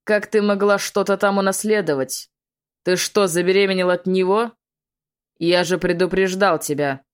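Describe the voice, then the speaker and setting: A woman's voice: on the low side, steady tone, normal speed, clean tone, close to an everyday voice. Woman reading as a cruel demon lord, commanding, scornful, barks orders at his daughter. audiobook villain. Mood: angry barking.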